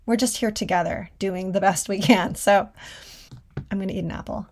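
A woman's voice: medium pitch, moderate pace, darkish tone. Chatty woman podcasting from a closet. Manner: self-deprecating, conversational. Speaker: podcast host and designer. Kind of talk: casual, chatty solo podcast talk. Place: small clothes closet at home.

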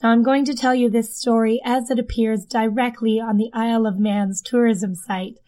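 Chatty lady podcast host, kinda high voice, talking into her mic under a blanket fort at home. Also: a little mellow. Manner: chatty, circles back and repeats phrases. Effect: recorded under a blanket fort. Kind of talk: casual podcast storytelling. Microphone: desk microphone under a blanket.

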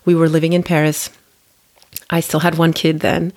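A Turkish woman in her forties hosts a podcast, telling her own story in a personal monologue. Her voice is deep, level and darkish, at normal speed. She speaks reflectively and conversationally, with restarts and fillers.

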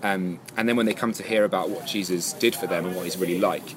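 Male interviewee, rapid talker, lowish voice, thoughtful and conversational, light ambient noise. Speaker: interviewee, event organiser.

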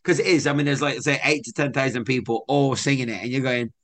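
A man's voice: mid-range voice, quick pace. A young man from England, co-hosting a podcast and telling stories in a chatty, upbeat way. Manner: chatty storyteller, lively and upbeat. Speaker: podcast co-host. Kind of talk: casual chat.

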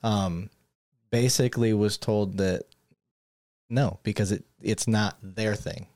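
Man, low-pitched podcast host, loose and chatty, restarts a lot. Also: fairly even intonation, slow pace, a little mellow. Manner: rambling, self-interrupting, laughs easily. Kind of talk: casual chat.

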